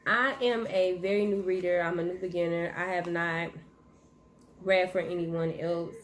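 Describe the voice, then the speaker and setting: A woman hosting her own channel, chatting casually with viewers while chewing gum, with a relaxed, friendly manner. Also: lowish voice, normal speed. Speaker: channel host. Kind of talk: casual vlog chat. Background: faint noise of her dog moving around.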